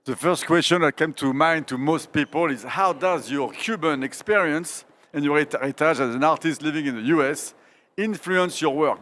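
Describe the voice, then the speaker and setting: A man with a French accent moderating a live panel discussion, animated and speaking straight to the audience. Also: fairly high pitch.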